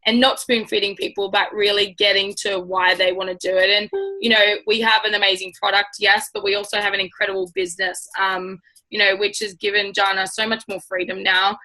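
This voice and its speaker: A woman's voice: mid-range voice, little pitch movement, a little fast, sharp tone, soft background music, rough recording. A woman hosting an interview, asking loose questions with lots of fillers. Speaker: host. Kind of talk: interview chat.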